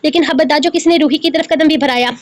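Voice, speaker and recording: A woman voicing a hot-tempered, possessive young man who speaks in a forceful, commanding way. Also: high-pitched, fast, dry recording, natural voice. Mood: angry.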